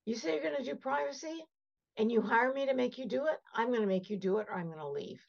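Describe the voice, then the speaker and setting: A woman's voice: fairly high pitch, fast talker, creaky. An older woman guest, born in Egypt and raised in Canada, telling stories in an emphatic, passionate way. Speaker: privacy expert guest. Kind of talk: conversational storytelling. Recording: slightly dull lo-fi audio.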